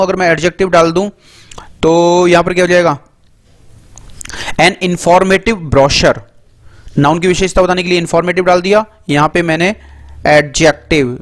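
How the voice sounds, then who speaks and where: A man teaching English grammar in a casual lesson, often checking in with his listeners and reading example sentences slowly aloud. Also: sits high. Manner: repeats "ठीक है" and "दोस्तों", reads English sentences slowly aloud.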